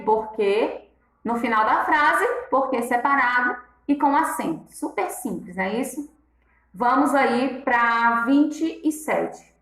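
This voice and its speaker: A woman's voice: on the high side, a bit bright, reverberant, rough recording. A woman teacher going through exercise answers one by one, patiently repeating each rule and checking in with her students. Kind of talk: classroom lesson, correcting exercises.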